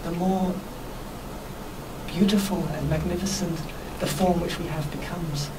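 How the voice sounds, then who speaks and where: A woman being interviewed on radio as a workshop teacher, explaining spiritual ideas in an earnest, reflective, measured way. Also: lowish voice, fairly even intonation. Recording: noisy, distant microphone.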